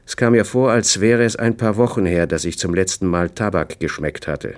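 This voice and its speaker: Deep-voiced male audiobook narrator. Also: steady tone, normal speed. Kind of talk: scripted first-person narration.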